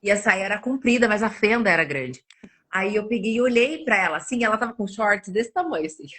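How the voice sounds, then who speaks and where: This husky, medium-pitched woman talks fairly quickly. She's a nutritionist in her forties recounting personal anecdotes on a relaxed podcast, animatedly performing the lines she quotes.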